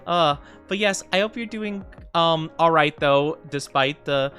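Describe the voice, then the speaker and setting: A man's voice: a little high, unhurried, pushed and bright. A man chatting casually as a live VTuber game streamer, with a cute, upbeat anime-streamer delivery, often repeating his phrases. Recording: music under the voice. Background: music.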